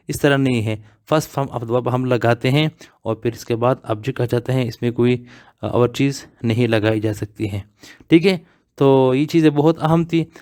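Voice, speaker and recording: A man teaching a grammar lesson at a slow, measured pace, his voice sitting in an ordinary middle pitch. He repeats each example word separately, as if drilling a class. He often poses a question to the class and then answers it himself. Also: a little mellow. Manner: asks rhetorical questions and then answers them. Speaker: English teacher. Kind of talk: grammar lesson explained slowly.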